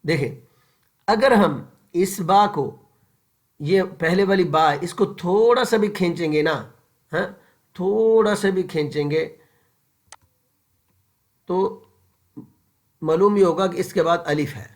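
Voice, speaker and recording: A man teaches the pronunciation of Quranic vowel marks. He talks informally, with many fillers, and repeats each example slowly and deliberately. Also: high-pitched. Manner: frequent fillers and checks for understanding. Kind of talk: informal tajweed lesson over a screen-shared book.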